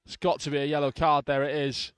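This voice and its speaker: A man's voice: fairly high pitch, quick pace, clear, resonant tone, dry recording. Man calling football from the stands. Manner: calm play-by-play with brief asides to listeners. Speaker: football radio commentator. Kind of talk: live football commentary.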